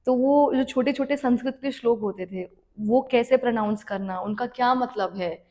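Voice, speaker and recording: A young woman guest on a podcast, telling her story in a reflective, unhurried way and mixing English words into her speech. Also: on the high side, a little mellow. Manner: mixes English words into Hindi talk. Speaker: podcast guest, devotional content creator. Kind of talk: casual interview chat.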